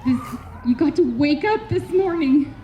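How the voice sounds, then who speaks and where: A woman from Canada giving a heartfelt public address at a community memorial gathering, speaking slowly and earnestly with measured pauses between phrases. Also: high-pitched, lively intonation, some chatter behind. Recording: dull lo-fi recording with faint background noise.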